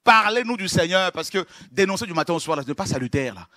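A man preaching a sermon, moving from low, confiding talk to shouted praise. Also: animated, fast talker, no echo, studio quality.

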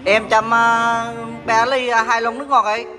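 A man's voice: very high-pitched, level tone, moderate pace, sharp tone. A young man with a southern Vietnamese accent chatting casually as a food vlogger over a meal at a restaurant table. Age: young adult. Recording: music behind the talk.

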